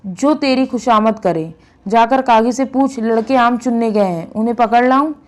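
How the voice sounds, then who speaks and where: A woman reading as a brooding young village husband in a spoken storybook. He snaps out curt, irritable replies, sulky and proud. The voice sits a little high. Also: normal speed, lightly acted. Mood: sullen.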